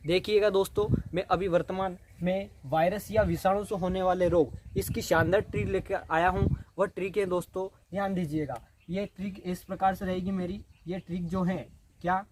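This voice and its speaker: Male coaching teacher, high voice, repetitive question-and-answer delivery, light background noise. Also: fairly even intonation, normal speed, a little mellow. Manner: repetitive, asks and answers his own questions. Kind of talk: exam-prep lesson.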